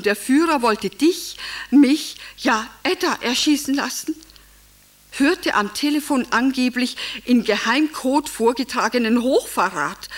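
An actress playing a vain, gushing, middle-aged wife who was once a stage actress, speaking in a theatrical radio drama with wide swings from cooing to brooding. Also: female voice, high-pitched. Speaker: radio drama monologue lead. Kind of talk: German radio drama acting.

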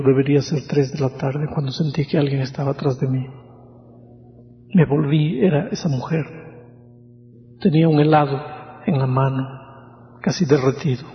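A middle-aged man preaches, telling a story with dramatic pauses and soft, slowed moments. His voice sits somewhat high. The recording is muffled and carries a long reverb from a large hall. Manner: dramatic, slows and softens for quoted pleas. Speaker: pastor. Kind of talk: sermon storytelling.

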